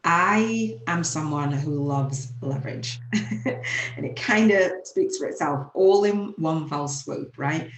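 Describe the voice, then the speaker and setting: Hosting her own show, a woman from Leeds in England speaks slowly in a low voice with a Yorkshire accent, earnestly sharing her personal story. She laughs now and then through the emotional parts, and the room sounds echoey.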